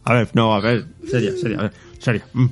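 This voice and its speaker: Man, casual co-host, playful and teasing, average pitch, home studio mic. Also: fairly even intonation, a little fast, soft background music. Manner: playful, teasing, laughs often. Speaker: podcast co-host and father. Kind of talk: casual chat. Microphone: studio microphone with foam windscreen.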